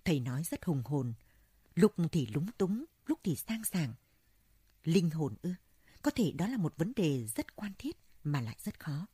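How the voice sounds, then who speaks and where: A woman reads a story aloud in a steady, unhurried way. Her voice is low, mellow and a little husky. The recording is close and dry. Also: no room sound. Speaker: narrator. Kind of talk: audiobook narration.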